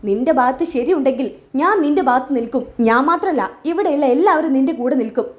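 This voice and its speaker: A woman's voice: high-pitched, animated, fast. A woman voicing a concerned elder brother who questions in a firm, protective way.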